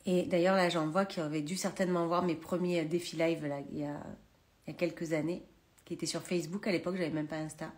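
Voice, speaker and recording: A woman's voice: lowish voice, steady tone, fast. A woman chatting live to her viewers from a phone in a holiday cottage, talking freely with many hesitations. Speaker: live streamer and massage trainer. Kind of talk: casual social media live chat.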